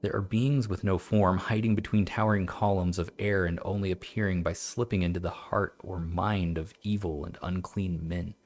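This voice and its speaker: Deep-voiced man stumbling through game text. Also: fairly even intonation, darkish tone. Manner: halting, stumbling reading of old text; self-mocking, laughs often. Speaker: streamer. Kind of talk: let's-play commentary with reading aloud.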